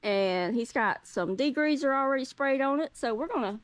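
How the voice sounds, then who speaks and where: A woman's voice: sits high, animated, normal speed. A woman co-hosting a shop vlog, plainly explaining things to viewers. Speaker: co-host. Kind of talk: casual shop vlog talk. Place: auto shop garage.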